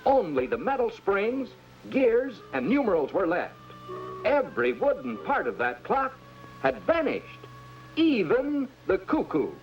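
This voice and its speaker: A man's voice: high-pitched, wildly swooping pitch, a little slow, full character voice. A man playing an earnest, dramatic storyteller, narrating a children's adventure in vintage 1950s cartoon style. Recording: dull vintage cartoon soundtrack with music.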